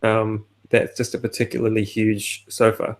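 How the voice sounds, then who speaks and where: A man's voice: on the low side, flat delivery, moderate pace. A man co-hosting a casual podcast, talking in a hesitant, matter-of-fact way with many fillers. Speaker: podcast co-host. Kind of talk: casual chat.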